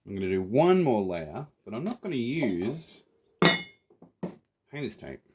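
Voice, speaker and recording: In this casual workshop tutorial, an Australian man builds a theatre prop while playfully chatting with viewers as he works. His mid-range voice has big pitch swings and a measured pace, and the recording is very noisy.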